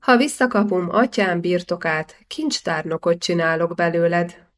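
A woman's voice: on the low side, steady tone, natural voice. A woman reading the lines of a brash, boisterous giant young nobleman in an audiobook, in a commanding, blustering manner.

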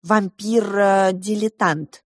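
A woman voicing a brash, teasing vampire man in a storybook reading, loud and drawn out. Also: medium pitch, fairly even intonation, slow, no room sound, studio quality.

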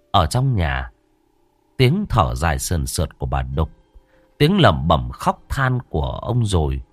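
A man's voice: deep voice, slightly rough, no room sound. A man narrating a ghost story expressively.

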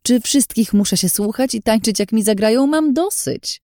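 A woman's voice: on the high side, lively intonation, moderate pace, warm tone, dry recording, studio quality, voice pushed up, natural voice. A woman voicing a defiant, hurt young woman who bursts out in a raised voice. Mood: angry. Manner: outbursts, raised voice.

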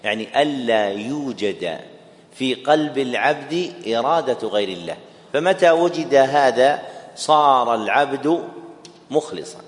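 A man lectures a class at a middle pitch, spelling out each point and repeating key phrases. He often stops to quiz his listeners. The sound carries a long, echoing hall reverb. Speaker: teacher explaining a text.

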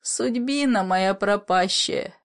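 A woman's voice: mid-range voice, expressive, slow pace. A woman voicing a frightened young peasant man who begs and wails in a raised, trembling voice. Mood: pleading. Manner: pleading, wailing, praying.

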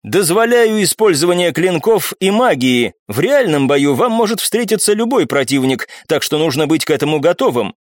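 A curt female instructor barks orders over a sparring arena, as a man voices her. Her voice is pitched well up and stays clipped and commanding, and the sound is dry and close. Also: big pitch swings, moderate pace, hardly any pauses, dry recording. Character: stern female instructor refereeing a duel.

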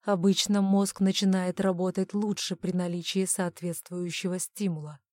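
A woman voicing a cold, detached male mentalist villain in an audiobook, speaking slowly and softly with quiet menace. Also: lowish voice, little pitch movement, dry recording, clean studio sound, close to an everyday voice. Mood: menacing. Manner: slow, soft-spoken and coolly menacing. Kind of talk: audiobook character voice.

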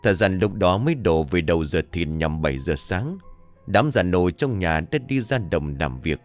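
A man narrating a ghost story in a dramatic, expressive storytelling manner. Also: deep voice, normal speed, soft background music.

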